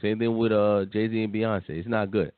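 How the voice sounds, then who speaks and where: Male podcast co-host, blunt, repetitive, lowish voice, dry tinny phone line. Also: steady tone, normal speed, smooth, no room sound. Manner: blunt, dismissive, repeats himself. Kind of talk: casual opinion chat.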